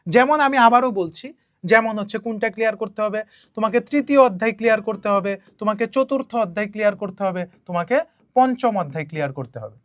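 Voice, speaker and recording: A woman chemistry teacher with a Bangladeshi Bengali accent, giving an exam-prep lesson slowly and deliberately, often repeating herself and checking in with students. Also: medium pitch, expressive, no echo.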